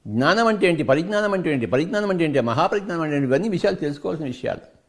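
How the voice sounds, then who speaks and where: A man's voice: fairly high pitch, expressive, very fast. A man with a Telugu accent giving a spiritual discourse as a meditation teacher, preaching emphatically and firing off rhetorical questions.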